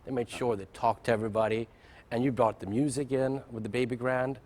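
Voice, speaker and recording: A man's voice: mid-range voice, fairly even intonation, brisk, a little mellow. A man hosting an interview, telling anecdotes with enthusiasm and frequent chuckles. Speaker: host. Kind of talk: casual interview chat.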